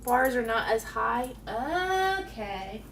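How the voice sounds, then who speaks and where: Slow-talking woman chatting in her kitchen. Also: fairly high pitch, big pitch swings, roomy sound, distant mic, very noisy. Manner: chatty, talks to her dog in a cooing voice. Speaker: home baking channel host. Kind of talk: casual chat while doing chores. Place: home kitchen.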